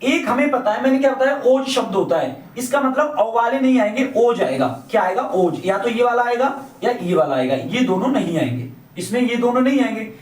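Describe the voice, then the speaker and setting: With an extremely high pitch and lively intonation, a man delivers a brisk Hindi grammar lecture with few pauses. He restates his points and answers the questions he puts to the class. The classroom or coaching room echoes, and the mic is far off.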